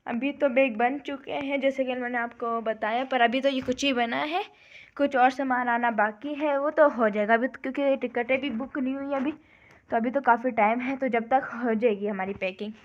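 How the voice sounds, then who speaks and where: A woman's voice: a little high, dull audio. A young woman vlogging casually from a windy rooftop at night. She chats on while shivering, and her throat is sore. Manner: chatty, talks while shivering in the cold. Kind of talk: casual vlog chat.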